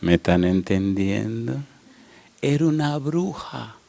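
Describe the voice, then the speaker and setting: A man preaching, telling a lively personal story and acting out voices. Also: fairly low pitch, slow pace, gravelly. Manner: animated storyteller, acts out voices, addresses listeners as friends. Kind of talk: sermon with a humorous personal story.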